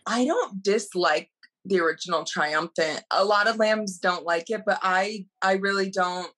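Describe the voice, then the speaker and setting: A woman's voice: medium pitch, unhurried, fairly bright tone. A woman guesting on a casual music podcast, easygoing and laughing often. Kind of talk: casual chat.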